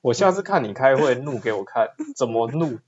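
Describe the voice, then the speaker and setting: A man's voice: medium pitch, animated, fairly quick, breathy edge, muffled recording. A man with a Taiwanese accent chatting casually as a podcast co-host. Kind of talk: casual chat.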